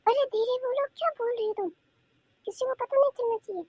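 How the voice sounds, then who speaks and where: A woman voicing a sweet-talking, sly young aunt in a cartoon who coaxes and plots quietly. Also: high-pitched, fairly even intonation, measured pace, no room sound. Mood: hushed. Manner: sweet, coaxing, conspiratorial. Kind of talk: cartoon voice acting.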